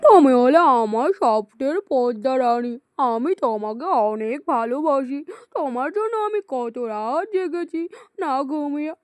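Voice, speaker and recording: A woman's voice: sits high, lively intonation, unhurried, darkish tone, smooth, no echo. A woman voicing a foolish, lovesick old male landlord in a cartoon, pleading and dreamy. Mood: doting. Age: middle-aged. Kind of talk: cartoon voice acting. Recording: faint music underneath.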